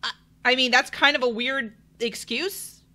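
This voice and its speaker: A woman's voice: high-pitched, steady tone, a little slow, bright, forceful tone, slight background noise. A woman giving casual let's play commentary on a game, with incredulous, teasing reactions. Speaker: let's player.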